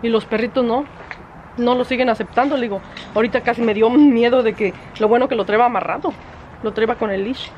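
A woman vlogging casually from home, chatty and exasperated, sometimes breaking off to scold her dog in sharp high bursts. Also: fairly even intonation, quick pace, muffled recording, a little hiss or hum. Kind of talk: casual vlog chat. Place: at home, indoors and outdoors.

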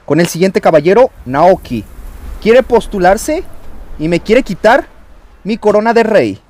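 A man with a Mexican Spanish accent giving excited gameplay commentary as a YouTuber, taunting opponents and yelling at the screen. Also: sits high, unhurried. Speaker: gaming YouTuber.

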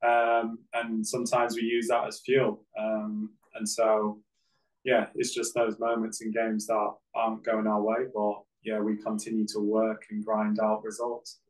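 Flat-voiced football coach. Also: male voice, fairly low pitch, low-quality recording. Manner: measured, flat delivery with many fillers. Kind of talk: post-game press conference. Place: press backdrop, indoors.

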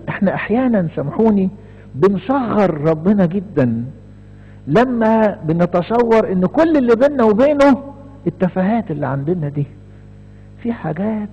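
A man with an Egyptian Arabic accent, a priest preaching a sermon, impassioned, swinging from emphatic rises to hushed pleading asides. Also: high voice, breathy edge. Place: church. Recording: dull, echoey church recording.

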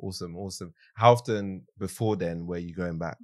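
A young man hosting a casual podcast interview on a studio boom mic, laughing easily and repeating words. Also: a little fast, darkish tone, no echo. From Nigeria. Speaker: podcast host. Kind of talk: casual interview and read sponsor spot. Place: studio with brick wall and sofa.

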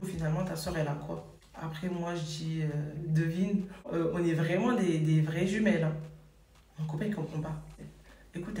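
A woman's voice: low-pitched, darkish tone. Woman chatting through a story, lots of fillers, sounds far off in a roomy space. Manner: chatty, many fillers and "et tout". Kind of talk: casual personal storytelling.

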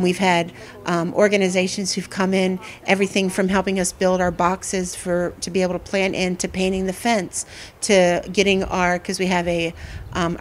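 A woman's voice: mid-range voice, slight background noise. A middle-aged woman, a school principal, answering interview questions with many fillers and restarts. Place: indoor school hallway.

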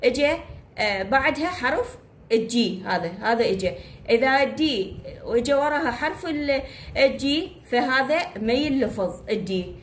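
A woman's voice: high voice, expressive. Iraqi woman teaching, echoey room. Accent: Iraqi Arabic. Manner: slow, repeating, addresses pupils directly. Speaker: English teacher. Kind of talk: spoken blackboard lesson. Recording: echoey room with faint hum.

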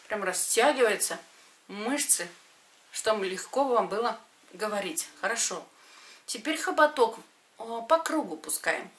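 A middle-aged woman teaching exercises to camera, giving short step-by-step instructions with pauses between them. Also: medium pitch, animated, a bit bright. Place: indoors, in front of a padded wall.

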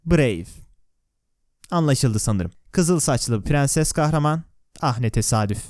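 Slow but animated, this mid-range, darkish male voice narrates a video with no echo. He follows a script in a conversational manner, dropping wry, sarcastic asides and questions to the viewer, recorded close on a dry voice-over microphone.

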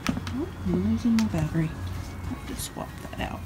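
Recorded at low quality on a handheld phone camera, with music underneath, an older woman speaks at a moderate pace. She's a vlogger narrating her farm chores in the backyard and shed, outdoors at night, as part of her morning routine. She addresses her dogs and chickens in a sweet, high sing-song.

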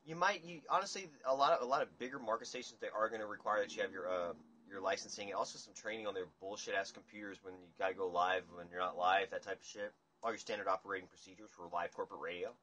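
A young man hosting a casual livestream chat, ranting in a rambling, profane, animated way. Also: fairly low pitch, fast, few pauses, slight background noise. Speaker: livestream host. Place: dim room indoors. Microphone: phone camera at table.

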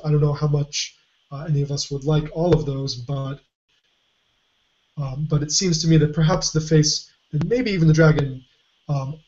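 A man co-hosting a casual puzzle podcast, halting with many fillers and restarts, his voice going a little hoarse. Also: on the high side, a little mellow. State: losing his voice. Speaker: podcast co-host. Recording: dull lo-fi podcast audio.

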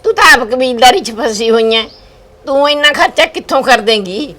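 A woman's voice: high-pitched, animated, normal speed, fairly bright tone. A woman playing a fretful old Punjabi grandmother. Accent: Indian Punjabi. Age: older. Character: worried old grandmother, fretting over her granddaughter. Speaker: grandmother in a family drama. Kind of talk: village web drama acting.

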